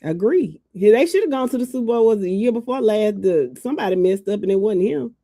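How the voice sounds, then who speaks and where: A woman's voice: medium pitch, lively intonation, quick pace, dark tone, no echo, studio quality. A woman from Georgia co-hosting a podcast in casual chat, teasing and laughing often. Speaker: podcast co-host.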